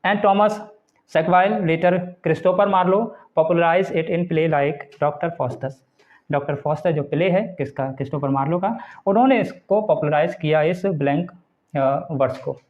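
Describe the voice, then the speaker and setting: A man teaching English literature in a Hindi lecture, reading English definitions slowly and then explaining them patiently. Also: a little high. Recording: tinny phone-like sound.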